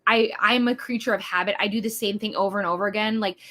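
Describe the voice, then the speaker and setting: A woman from Wisconsin hosts a casual livestream in a bright, forceful, medium-pitched voice, speaking quickly with a steady tone. Chatty, bubbly and clearly over-caffeinated, she rambles hyperactively with plenty of fillers.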